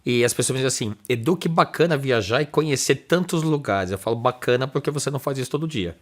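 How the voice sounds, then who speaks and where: A man's voice: mid-range voice, fast. A man with a Brazilian Portuguese accent hosting a podcast interview, chiming in often and sharing his own stories. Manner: friendly interjections, reflective anecdotes. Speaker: podcast host. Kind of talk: casual interview chat.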